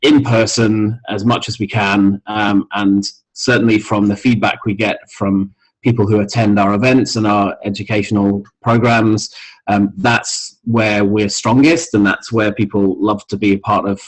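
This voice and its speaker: A charity CEO from Scotland speaks casually in a video-call interview, his mild accent mixing Scottish and international traits. His voice is lowish, flat, and a little slow, with many ums and restarts, and the recording is rough.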